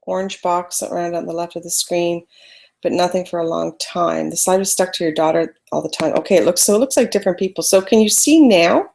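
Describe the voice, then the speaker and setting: A woman with a fairly low, gravelly voice speaks loudly and briskly. She's hosting a live photography webinar on a computer mic, teaching casually while chatting her way through screen-sharing trouble.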